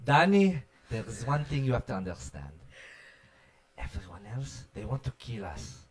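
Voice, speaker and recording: A man's voice: medium pitch, huge pitch swings, moderate pace. A man putting on his father's Israeli accent, playing a stern father warning his son.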